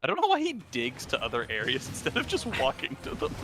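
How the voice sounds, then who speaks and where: A man's voice: medium pitch, wildly swooping pitch, fast, a bit bright, a little hiss or hum. A man chatting casually with a friend while gaming, tossing out jokes and dry quips. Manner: jokey, meme-ing, dry quips. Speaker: co-player friend. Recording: game music clearly behind.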